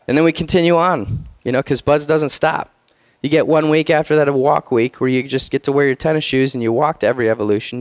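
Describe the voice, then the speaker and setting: Earnest former Navy SEAL, dry sound. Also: male voice, mid-range voice, no room sound. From United States. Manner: emphatic, earnest, acts out quotes. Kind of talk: motivational storytelling talk.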